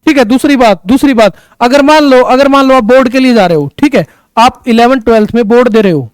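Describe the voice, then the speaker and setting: High-voiced male chemistry teacher, clear. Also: brisk, no room sound. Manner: repeats key words and asks the class questions. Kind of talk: classroom lecture.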